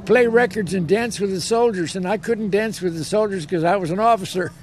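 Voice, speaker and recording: Amid background noise, an American veteran in his 80s or beyond looks back on his war service for an interviewer. His voice is high-pitched and a little fast, yet he narrates unhurriedly, repeating words for emphasis.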